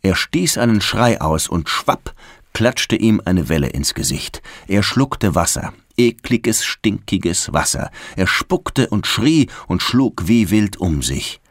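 A man reading a children's storybook aloud, expressive and slowing down at tense moments. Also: lowish voice, no echo, studio quality. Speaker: narrator.

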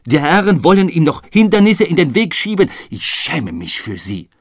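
A man voicing an excitable, loyal male manservant who bursts out in indignant exclamations, in a husky, dry audiobook reading. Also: medium pitch, moderate pace, no echo. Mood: indignant, excited.

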